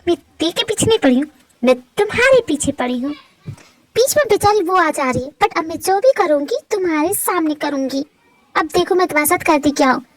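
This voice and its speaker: A woman voices a scheming young widow out for revenge in a dubbed story drama. She taunts in a cool, controlled way, with a very high voice. The sound is dry and close. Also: lively intonation, a little fast, dry recording, poor audio. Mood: taunting.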